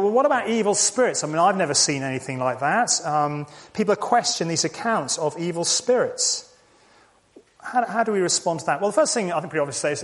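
A man preaching a sermon in a conversational way, asking rhetorical questions and repeating key lines. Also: fairly high pitch.

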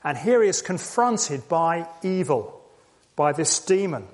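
A man delivers a sermon in an easy, conversational manner. His voice sits a little high, and he leans on rhetorical questions and repetition to drive his points home. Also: sing-song, unhurried. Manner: conversational, rhetorical questions, repeats key lines. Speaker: preacher.

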